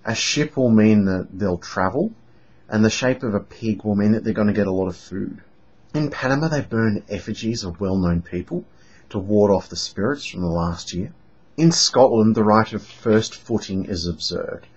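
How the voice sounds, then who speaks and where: A man's voice: lowish voice, moderate pace, husky. A young man with an Australian accent, talking through a sarcastic, mocking vlog monologue. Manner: lively, mocking, emphatic. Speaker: vlogger. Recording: dull lo-fi home recording.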